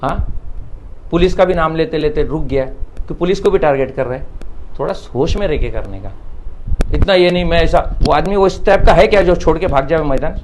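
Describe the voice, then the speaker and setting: A man's voice: fairly high pitch, a little fast, darkish tone, a little hiss or hum, low-quality recording. Insistent man with a Mumbai accent. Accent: Mumbai Hindi. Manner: emphatic, insistent, repeats himself. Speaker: interviewee answering allegations. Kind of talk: heated on-camera statement.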